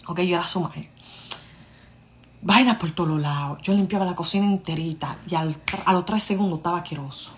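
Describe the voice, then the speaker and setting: A woman's voice: lowish voice, a little fast, a little hiss or hum. A woman, telling her own story in a casual monologue. She speaks to her listeners directly and acts out the dialogue. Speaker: vlogger.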